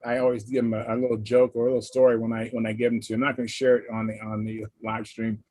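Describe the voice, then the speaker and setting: A man hosting a casual live hangout, chatting in a halting, conversational way and reading out comments. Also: mid-range voice, level tone, darkish tone, no echo. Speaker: host of a hobby livestream hangout. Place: live online video hangout.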